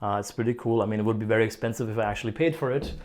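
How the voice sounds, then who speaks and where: A man's voice: fairly low pitch, rapid-fire, darkish tone. A young man from Croatia, vlogging a casual tour of his apartment, joking and chuckling often. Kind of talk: casual chat. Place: apartment, indoors.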